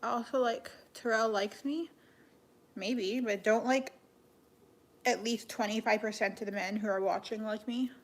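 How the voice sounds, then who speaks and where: A young woman with a fairly high voice chats on a live stream and answers her viewers as she goes. She talks offhand, with plenty of "like" fillers, and now and then drops to soft half-whispered asides. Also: steady tone, moderate pace. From Canada. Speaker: livestreamer.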